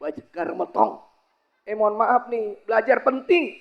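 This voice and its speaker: A man's voice: sits high, moderate pace, creaky, long reverb tail, dull audio. A man preaching a comic sermon at a mosque gathering, joking and acting out the voices of wives and flight attendants.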